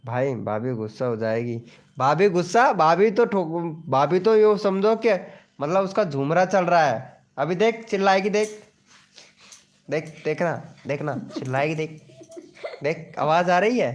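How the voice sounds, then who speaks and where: A man's voice: fairly high pitch, expressive, a little slow. A young man hosting a casual live stream, joking and teasing viewers by name.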